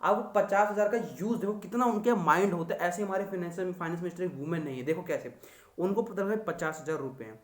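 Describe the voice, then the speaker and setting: Chatty high-voiced male teacher, echoey room. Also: fast. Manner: chatty, teasing, addresses students as friends. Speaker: exam-prep teacher. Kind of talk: casual Hindi lecture.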